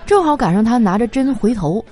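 Brief: woman comic, mellow tone, very animated delivery, light music underneath. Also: a little high, fairly quick, slightly rough, some chatter behind. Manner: lively, animated, laughs through punchlines. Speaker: comedy monologue performer. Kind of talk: stand-up style comic storytelling.

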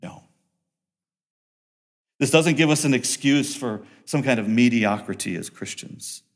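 A man delivers a sermon in an earnest, conversational preaching style. His voice sits in a middle register, rising to loud emphatic peaks before sinking into hushed, low-pitched stretches. He often restarts and repeats phrases as he drives a point home. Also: lively intonation, measured pace. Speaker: pastor.

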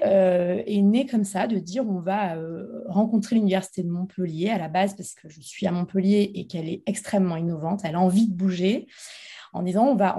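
Woman, warm mellow tone, hesitant, many fillers, interview guest. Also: medium pitch, slightly rough. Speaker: guest, founder of a training institute. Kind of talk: interview conversation. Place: Montpellier, France.

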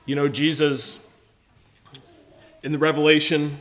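A man preaching a sermon in an earnest, halting way, often restarting his phrases. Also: a little high, little pitch movement, fairly bright tone. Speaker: visiting preacher.

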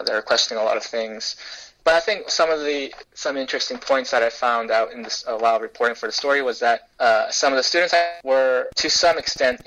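A young man from South Korea who grew up in the US speaks as a reporter in an interview. He talks thoughtfully and casually, often stopping to restart a phrase with an "uh" or "you know." His voice sits in a moderate middle pitch. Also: a bit bright, highs cut off. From South Korea, raised in the US. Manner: thoughtful, frequent fillers and restarts. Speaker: journalist guest. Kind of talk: conversational interview answers.

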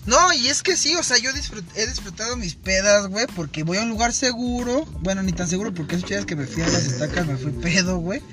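A man's voice: high voice, expressive, fast talker, hardly any pauses, music in the background. A young man with a Mexican accent, chatting casually in crude slang and tacking güey onto almost every phrase. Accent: Mexican Spanish. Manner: crude slangy banter, says güey constantly. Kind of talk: casual chat.

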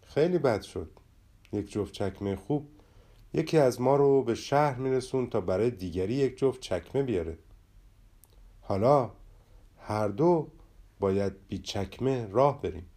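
A patient, long-suffering friend who sighs and gives way, as a man narrating a storybook puts him on. He speaks softly and low, with a dark, mellow tone. It stays close to the storyteller's own voice. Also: lively intonation. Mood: resigned. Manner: soft, resigned, sighing. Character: patient, gentle, sighing man friend, Hesam Bek.

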